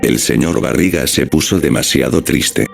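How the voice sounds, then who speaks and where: A man narrating a scripted horror story in a flat, steady storytelling manner. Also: a bass voice, normal speed, creaky. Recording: music playing underneath.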